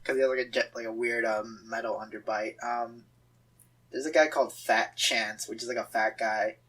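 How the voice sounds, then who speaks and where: A man's voice: mid-range voice, fairly even intonation, fairly bright tone, husky, poor audio. A man in his twenties, a guest artist, chatting casually and joking with frequent laughs. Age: 20s. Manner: giggly, joking, quick to laugh. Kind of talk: casual chat while sketching.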